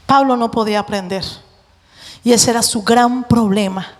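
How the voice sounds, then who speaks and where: A woman preacher giving a lively sermon, acting out voices and joking with the congregation. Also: fairly high pitch, moderate pace. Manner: animated, acts out voices, jokes with the congregation. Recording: long hall reverb.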